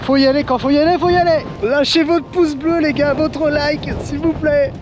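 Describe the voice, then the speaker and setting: A young man filming himself at arm's length on a windswept snowy cape, excitedly talking to his viewers about the place. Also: extremely high pitch, normal speed, highs cut off. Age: young adult. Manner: excitable, shouting over the wind, talks to viewers as "les gars". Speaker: travel vlogger. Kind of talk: excited travel vlog to camera. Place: windswept snowy cape outdoors, then inside a van at night. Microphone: handheld camera at arm's length. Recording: loud wind noise on the mic. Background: strong wind.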